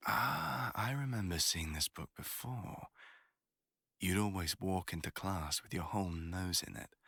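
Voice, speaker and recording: In a boyfriend roleplay, a young adult man plays a college crush with a very low, bright voice that's slightly rough at the edges. He teases the listener and complains about poetry like a bored student, talking casually with slang and swearing. The full character voice is recorded in clean studio sound without echo.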